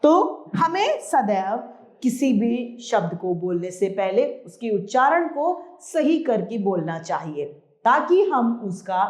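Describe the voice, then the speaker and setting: Slow, patient woman teaching grammar. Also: on the high side, darkish tone, reverberant. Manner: slow, patient reading of word pairs for a class. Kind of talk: Hindi grammar lesson for young children.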